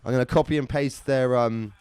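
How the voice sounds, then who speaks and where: A young man runs a live online prize draw, chatty and upbeat as he talks straight to his viewers. His voice is smooth and resonant, and it sounds close and dry with no room around it. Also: medium pitch, steady tone, fairly quick, darkish tone, dry recording. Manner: chatty and upbeat, calls viewers lovelies and brother. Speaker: live competition draw host. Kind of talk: casual livestream chat.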